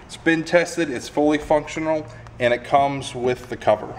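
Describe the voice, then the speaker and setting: A man's voice: a little high, normal speed, slight background noise. A young man hosting an auction preview, walking through a warehouse showroom and presenting items one by one in an upbeat way. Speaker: auction host. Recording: echoey warehouse room, faint ambience.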